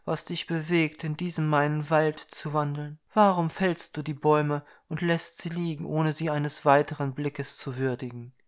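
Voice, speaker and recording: A man's voice: on the high side, fairly even intonation, moderate pace, hardly any pauses, clean tone, natural voice. A man voicing a stern forest lady. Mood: solemn. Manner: solemn, admonishing. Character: radiant stern forest spirit woman.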